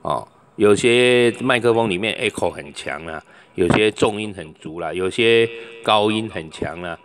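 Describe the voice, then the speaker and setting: Deep-voiced male seller, rambling chatty demo that keeps testing mics aloud. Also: fairly bright tone. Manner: loose, chatty, fills pauses with drawn-out "oh"; tests each mic by calling into it. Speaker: microphone seller. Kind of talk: product demonstration.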